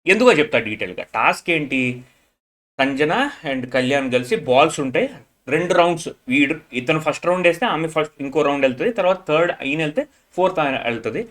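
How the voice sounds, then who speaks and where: A man's voice: animated, fairly quick, fairly bright tone. A man giving a frank, opinionated review, mixing in English phrases. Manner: frank, mixes English phrases, mimics people in low mocking voice. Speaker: show reviewer. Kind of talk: casual opinionated review monologue.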